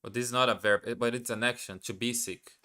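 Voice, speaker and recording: This live-streaming language learner, a native Portuguese speaker, talks fast in a mid-range voice with fairly even intonation and a pushed, bright quality. He thinks out loud while studying, faltering and fixing his own mistakes along the way.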